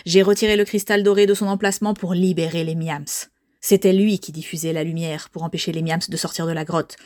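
A woman voicing a horned, caped villain who speaks in a slow, gloating way. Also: lowish voice, steady tone, a little mellow, lightly acted. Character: boastful horned villain in a cape.

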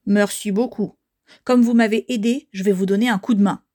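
A woman voicing a grumpy male creature who guards a tunnel, shouting and wailing in a high, strained voice. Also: fairly even intonation, moderate pace, no room sound, clean studio sound, close to an everyday voice. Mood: grateful.

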